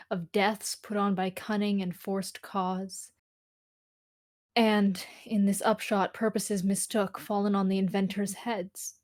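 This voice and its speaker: A woman playing a prince's loyal, grieving friend in a verse drama, earnest and measured. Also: medium pitch, darkish tone, lightly acted. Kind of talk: amateur read-through of Shakespeare verse drama.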